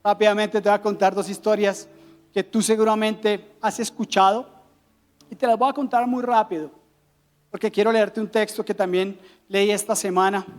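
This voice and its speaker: Male pastor, Colombian accent, animated sermon delivery with humor. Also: high-pitched. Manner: animated preaching with rhetorical questions and humor.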